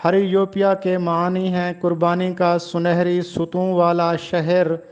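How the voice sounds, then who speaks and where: Male lecturer teaching pronunciation, slow and precise delivery, muffled lo-fi sound. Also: sits high, completely flat delivery, darkish tone, clean tone. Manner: slow, deliberate, enunciating each word. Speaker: Urdu literature lecturer.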